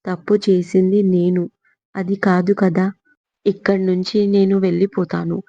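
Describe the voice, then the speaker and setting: A woman's voice: fairly low pitch, flat delivery, moderate pace, no echo, dull audio. A woman playing a tearful, pleading mother. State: crying. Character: tearful middle-aged mother pleading for her daughter.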